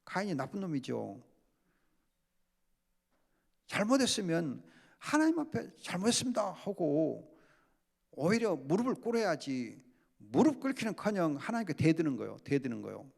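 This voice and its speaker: A man preaching at a Bible study as pastor, lively, acting out quoted complaints and prayers. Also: on the high side, normal speed, creaky, long pauses.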